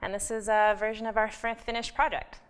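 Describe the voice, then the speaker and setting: A woman's voice: on the high side, level tone, fairly quick, slight background noise. A young adult woman giving a friendly cooking demonstration as a guest nutrition specialist, explaining steps with many fillers.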